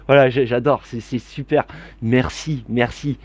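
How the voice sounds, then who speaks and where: A man's voice: medium pitch, fairly even intonation, a little slow. A man casually explaining a board game's rules to his viewers, rambling into asides and laughing often. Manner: rambling, chatty, laughs often, many digressions; warm and grateful toward viewers. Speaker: board game YouTuber.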